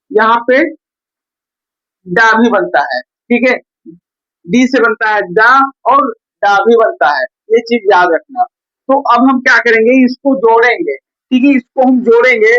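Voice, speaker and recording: A man's voice: very high-pitched, a bit bright. A man teaching a beginners' reading lesson at a board in a coaching classroom, speaking patiently and repeating the same checking words often. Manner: patient, repeats "theek hai" and "bhaiya" often. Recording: dull lo-fi recording.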